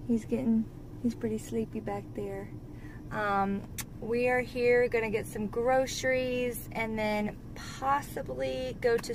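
A woman in her thirties with a high voice chats casually to her camera. She is informal and expressive and takes her time. There is clear noise around her. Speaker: family vlogger. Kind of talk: casual vlog chat. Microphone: phone or camera at arm's length.

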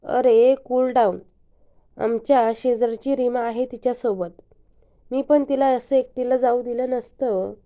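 A woman's voice: a little high, warm tone. A woman reading the part of a friendly, easygoing young woman in an audio story, casual and reassuring.

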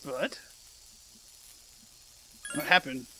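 A man giving sarcastic, deadpan commentary over a video game. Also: medium pitch, very slow, a little hiss or hum. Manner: dry, joking, deadpan. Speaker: let's play commentator. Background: game audio.

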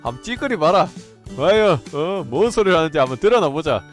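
A man chatting casually with viewers on a livestream, talking in a blunt, excitable, informal way. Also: fairly high pitch, brisk, soft background music. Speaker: live streamer.

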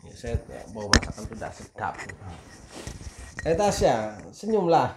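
A man's voice: mid-range voice, very animated, a little slow, heavy background noise. A man filming a casual family vlog, teasing his crying daughter in a playful way and laughing often at home.

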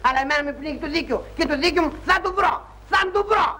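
An actor playing a naive young soldier in a 1960s film comedy, rambling and apologizing, with pompous turns of phrase. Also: male voice, very high-pitched, expressive. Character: naive, talkative young soldier, pleading and indignant. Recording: noisy old film soundtrack.

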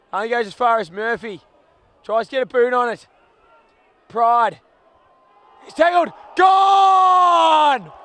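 A man calling a football match live, rattling off players in clipped bursts and shouting at big moments. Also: high voice, no room sound. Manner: clipped bursts of names and actions. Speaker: football commentator. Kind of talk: live play-by-play commentary. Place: commentary box at an outdoor ground.

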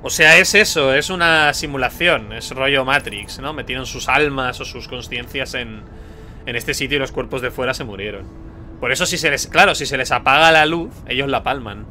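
Bright-voiced gaming streamer. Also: male voice, medium pitch, normal speed, a little hiss or hum. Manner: chatty, thinks aloud, jokes with chat. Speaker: gameplay streamer. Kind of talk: casual gameplay commentary.

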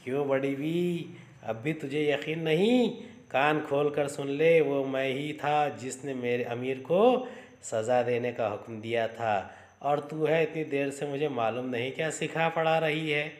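A man's voice: mid-range voice, measured pace, close to an everyday voice. A man reading the lines of a deluded young man who believes he is the caliph and talks down to his mother. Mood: haughty. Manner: haughty and commanding. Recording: roomy echo.

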